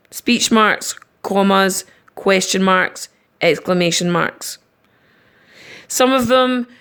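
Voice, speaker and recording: A woman teacher giving a recorded online lesson, patiently explaining each step slowly. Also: mid-range voice, vocal fry. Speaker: primary school teacher.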